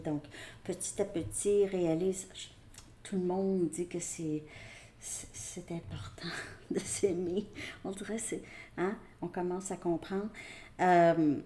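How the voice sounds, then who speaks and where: Slow-spoken Québécois woman reading tarot. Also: fairly low pitch, warm tone, slight background noise. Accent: Québécois French. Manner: slow, hesitant, many fillers and restarts. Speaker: tarot reader.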